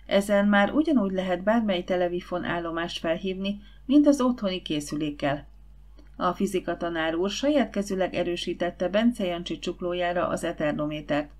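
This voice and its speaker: Woman, lowish voice, audiobook narrator, calm steady storytelling. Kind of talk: audiobook reading of a children's novel.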